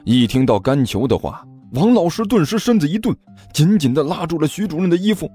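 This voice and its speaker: A man narrating a comic audio drama in a lively storytelling manner. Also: fairly high pitch, fairly quick, husky, faint music behind.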